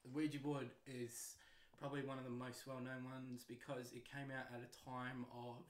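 A man's voice: mid-range voice, little pitch movement, normal speed. A young man co-hosting a casual podcast, explaining at length and laughing often. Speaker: podcast co-host. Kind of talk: casual chat. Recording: roomy echo.

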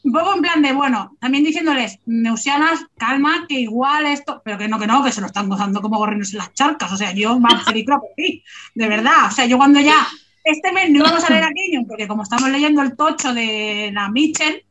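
A woman hosting a casual book club chat, talking in an animated, emphatic and playful way. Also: high-pitched, a little fast, a crowd in the background.

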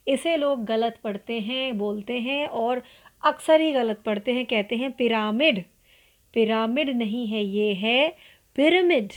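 A slow, careful Indian woman teaching English pronunciation. Her voice sits a little high, and she spells each word letter by letter before she repeats it. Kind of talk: pronunciation lesson, spelling words aloud.

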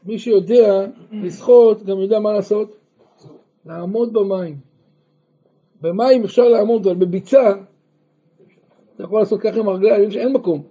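A man's voice: high voice, long pauses, warm tone. A rabbi teaching a Torah lesson to a group, often asking questions and answering them himself, at times raising his voice with emphasis. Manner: breaks into emphatic raised outbursts. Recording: dull lo-fi recording.

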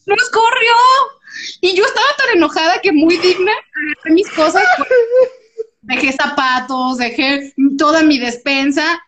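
A young woman with a Mexican accent tells a story on a casual podcast, her voice sitting high. She is animated and laughs often, switching into the voices of the people she is describing. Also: moderate pace, background noise. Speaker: podcast co-host.

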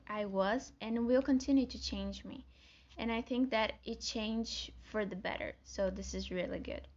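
A young Brazilian woman with a Brazilian Portuguese accent hosts her own solo podcast, speaking fairly high and sounding earnest and friendly, as if reading from notes. The audio is dull.

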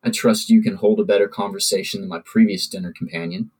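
A man's voice: fairly low pitch, fairly even intonation, quick pace, darkish tone, slightly rough, poor audio. A man voicing a poised young princess who speaks in a prim, formal way. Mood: gracious. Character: elegant princess, young woman, cool and formal.

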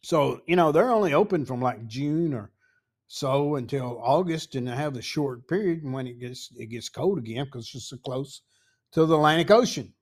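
A man in his sixties or older with a Tennessee accent, a podcast host telling a rambling, folksy story full of pauses and asides. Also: mid-range voice, expressive. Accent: Southern US, Tennessee. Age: 60s or older. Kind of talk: casual storytelling.

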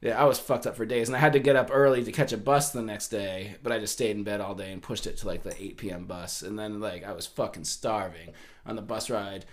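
A man's voice: lowish voice, steady tone, fairly quick. A man co-hosting a casual chat, telling rambling stories and swearing freely. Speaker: podcast co-host.

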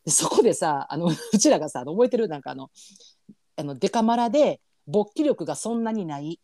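A woman's voice: on the low side, sing-song, fairly quick, mellow, dry recording, studio quality. A woman with a Kansai accent telling stories and chatting casually as a podcast co-host. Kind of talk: casual chat, storytelling.

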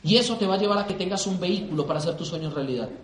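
A man's voice: high-pitched, racing, reverberant. A middle-aged man from Colombia giving a motivational talk to an audience, telling stories and acting out the dialogue. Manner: animated storytelling, acts out dialogue. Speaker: motivational speaker.

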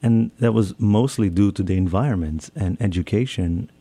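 With a fairly low, mellow voice at normal speed, a man from Israel in his thirties talks reflectively about self-care. He tends to repeat and rephrase himself, and there's no room sound.

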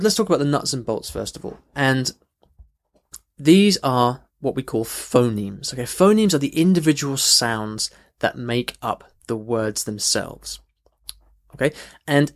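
A man hosting a podcast lesson, explaining things in a loose, conversational way with frequent restarts and "okay" check-ins. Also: medium pitch. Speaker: language teacher, podcast host. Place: in London.

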